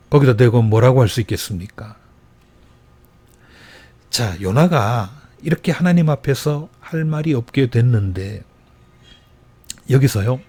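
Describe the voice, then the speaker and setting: A male pastor delivers a Sunday sermon, retelling a scripture story with lively emphasis in the quoted parts. His voice is dark and a little husky. The sound is dry and close, with almost no room echo. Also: mid-range voice. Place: church.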